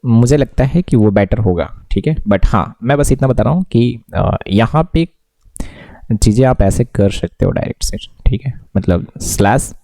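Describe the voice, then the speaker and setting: Chill coding teacher guy, mellow low-key voice, dry close mic, keeps asking if you got it. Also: animated, normal speed, vocal fry, no echo. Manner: casual, keeps checking in with the viewer; mixes English tech words into his talk. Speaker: coding tutor. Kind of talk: screen-recorded coding lesson.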